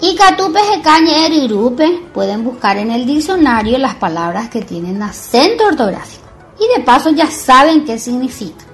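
A woman teacher explaining marks, talking slowly and repeating words to make a point. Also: high voice, very animated, a bit bright, soft background music. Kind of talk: bilingual Guarani and Spanish grammar lesson.

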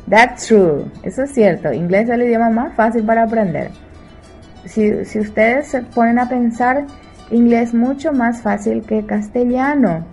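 Slow, mellow woman teaching English. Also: fairly high pitch, creaky, rough recording. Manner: checks in with frequent "¿sí?"; slow English examples, quicker Spanish explanations. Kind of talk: bilingual grammar lesson.

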